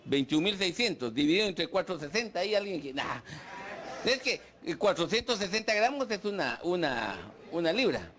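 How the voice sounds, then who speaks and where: A man's voice: sits high, big pitch swings, normal speed, fairly bright tone. A man preaching a sermon, putting questions to the congregation and acting out their complaints. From Guatemala. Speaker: pastor. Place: church.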